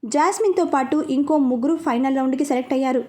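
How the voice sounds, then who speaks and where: A woman storyteller narrating a serialized story. Her delivery is steady and plain. Her voice is high and mellow, with a soft, warm edge. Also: fast.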